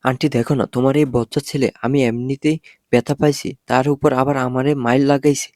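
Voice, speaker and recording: A man's voice: medium pitch, level tone, a little fast, a little mellow, dry recording, studio quality, natural voice. Feisty sulky teenage girl, read by a man. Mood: indignant. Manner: indignant, whiny. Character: sulky, feisty eighteen-year-old girl.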